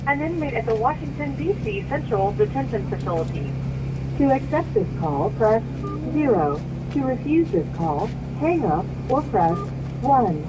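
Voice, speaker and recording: A woman's recorded voice reads an automated prison phone call message in a flat, measured prompt style. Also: a little high. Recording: phone message, heavy background noise.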